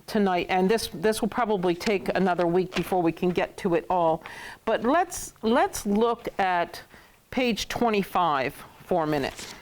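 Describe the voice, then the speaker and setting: A woman teaching a class who jokes with her students, laughs often and repeats words to drill them. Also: mid-range voice. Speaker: Hebrew teacher. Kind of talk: classroom lesson.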